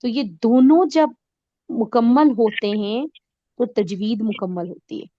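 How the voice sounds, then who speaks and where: A woman's voice: on the high side, animated, no room sound, dull audio. A woman teaching an online recitation class, explaining rules patiently with everyday examples and checking that her students follow.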